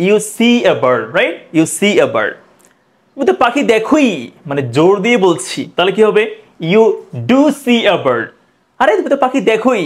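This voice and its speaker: A man teaching English in a video lesson. He repeats example sentences slowly and keeps asking the viewer questions. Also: high-pitched.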